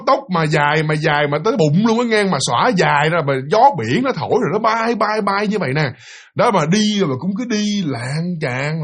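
A man with a Southern Vietnamese accent telling a ghost story casually, rambling and repeating himself while addressing his listeners. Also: high voice.

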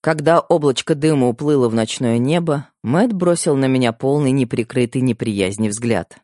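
A man narrating a novel in an expressive storytelling manner. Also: mid-range voice, moderate pace, no echo, studio quality. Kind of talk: audiobook narration.

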